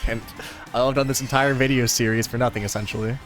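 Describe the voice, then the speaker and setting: A man's voice: medium pitch, fairly even intonation, fast, faint music behind. Laid-back young man rambling over gameplay. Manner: rambling, laid-back storytelling with many fillers. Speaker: gaming video host. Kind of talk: casual chat over gameplay.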